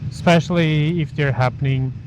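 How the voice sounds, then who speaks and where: A man vlogging casually and haltingly from inside a motorcycle helmet as he rides, with wind and engine noise. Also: a little high, steady tone, muffled recording. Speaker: motovlogger. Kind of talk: casual vlog talk while riding. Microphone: small wireless mic inside helmet.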